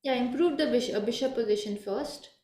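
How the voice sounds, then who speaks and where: A woman's voice: on the high side, fairly quick, dark tone, roomy sound, slight background noise. A woman in her late twenties co-hosting a live chess stream, chatting casually and laughing often. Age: 20s. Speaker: chess commentator co-host. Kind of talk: casual chess commentary chat. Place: room at home.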